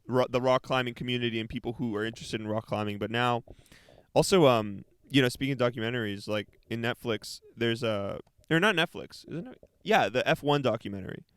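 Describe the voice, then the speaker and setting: A young man co-hosting a podcast in casual chat, chatty and quick to laugh, often trailing off mid-sentence. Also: medium pitch, a bit bright, smooth, no room sound. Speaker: podcast co-host.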